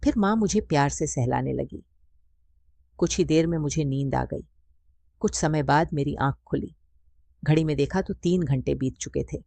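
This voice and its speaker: A woman narrating a first-person story in a steady, plain storytelling manner. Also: sits low, moderate pace, vocal fry, pauses often, no echo.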